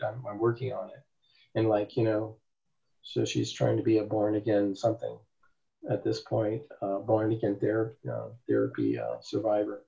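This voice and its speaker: A man's voice: lowish voice, vocal fry, mellow. A man, a therapist, giving an informal class to a group. He talks emphatically and rambles, and he often asks rhetorical questions. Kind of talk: informal teaching talk. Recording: dull lo-fi recording.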